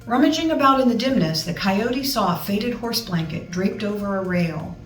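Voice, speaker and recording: A woman reads a children's storybook aloud with expression, tossing chatty asides to her listeners in an animated, mid-range voice at a moderate pace. The recording is roomy, with a distant mic and music behind her.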